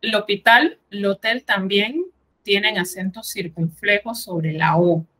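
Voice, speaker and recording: Slow, bright-voiced woman teaching French. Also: medium pitch, rough recording. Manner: says each French word slowly, then translates it; patient, instructive explanations. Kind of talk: recorded vocabulary lesson.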